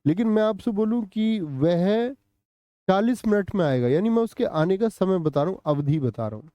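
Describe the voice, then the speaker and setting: Male teacher on a live exam-prep stream, keeps questioning the class; higher pitch, warm and mellow, dry room. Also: expressive, normal speed, dry recording, highs cut off. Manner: quizzes students with repeated questions, answers live chat. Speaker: Hindi teacher.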